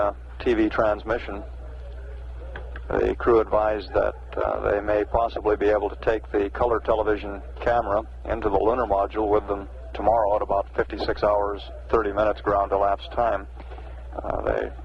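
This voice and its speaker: Male American space mission announcer, gravelly and even, measured hesitant delivery, muffled vintage broadcast recording. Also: fairly low pitch. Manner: measured, hesitant, matter-of-fact. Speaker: mission control public affairs announcer. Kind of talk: live spaceflight status commentary. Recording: noisy band-limited 1960s mission radio archive.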